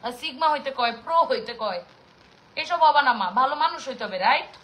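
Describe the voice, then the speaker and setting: A woman's voice: high voice, animated, a little fast, fairly bright tone, a little hiss or hum. A woman in her thirties with a Bangladeshi Mymensingh accent, passionately scolding her viewers in a casual rant. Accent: Bangladeshi Bengali, Mymensingh. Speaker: vlogger speaking to her audience.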